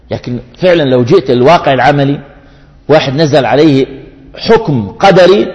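A man's voice: mid-range voice, a little mellow. A man preaching a sermon, speaking earnestly to his brothers in faith and posing rhetorical questions between stories. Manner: earnest, addresses the congregation with rhetorical questions and anecdotes. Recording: long hall reverb.

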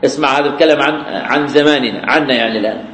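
A man preaching a sermon in a mosque after prayer, repeating key phrases and drawing out his quotations slowly. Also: medium pitch, a bit bright. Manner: repeats key phrases, slow drawn-out quoting. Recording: echoey prayer hall.

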